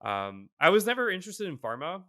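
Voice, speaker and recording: A man's voice: high-pitched, huge pitch swings, brisk, bright, forceful tone, dry recording, studio quality. A man in his thirties from the Boston area, chatting casually as a guest on a video call, rambling with many fillers and self-deprecating laughs. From Boston area, USA. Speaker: guest, tech CTO. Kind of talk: casual interview. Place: home room, on a video call.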